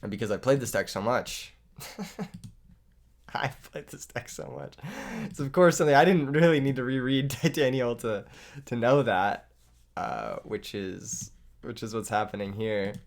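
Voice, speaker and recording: He's a young YouTuber whose illness has cost him his voice, yet he keeps laughing and joking at his own expense while commentating his card game live. The voice is medium-pitched and slightly slow.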